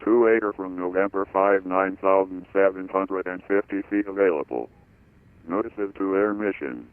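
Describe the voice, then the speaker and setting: A man reading an airport weather broadcast over an aircraft radio, in a flat, measured delivery of codes and numbers. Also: low-pitched, clean tone, dry recording. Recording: tinny radio transmission.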